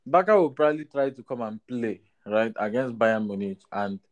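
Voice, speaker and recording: A man's voice: mid-range voice, animated, normal speed, highs cut off. A man in a casual sports discussion who often tags his phrases with a questioning "right?". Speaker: football podcast panelist.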